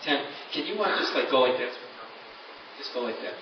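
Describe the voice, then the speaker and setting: A man's voice: mid-range voice, animated, brisk, noisy background. A man hosting a live stage hypnosis show, giving commanding, repetitive instructions to his participants. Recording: echoey hall, distant muffled sound, loud music.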